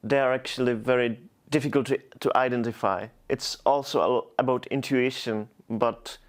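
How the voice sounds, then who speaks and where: The speaker is a man with a Czech accent, Czech being his first language, giving answers as a poet guest in an interview. His medium-pitched voice stays steady at a normal speed while he speaks thoughtfully, hesitating and often restarting words.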